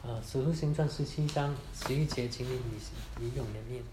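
A man's voice: mid-range voice, a little fast, noisy background. Man teaching a church class, echoey room. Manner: informal, adds particles like 哈 and 啊, mixes in English words.

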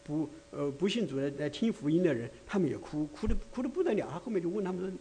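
A man's voice: fairly high pitch, sing-song, quick pace, dark tone, a little hiss or hum. A man preaching a conversational sermon, full of rhetorical asides, restarts and filler sounds.

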